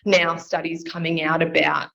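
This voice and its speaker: A sleep and nutrition consultant, a woman, appears as an expert guest in a casual interview, explaining child sleep step by step and setting her points out in lists. Her low, creaky voice keeps a level tone at normal speed and sounds fairly bright. The audio is slightly dull, with faint noise.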